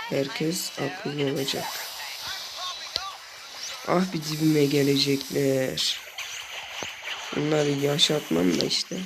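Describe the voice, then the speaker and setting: A young man commentating his own mobile game as he plays, excitable and often exasperated, with quick outbursts. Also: a little high, background noise. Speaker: gaming channel host. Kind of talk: live gameplay commentary. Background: game music.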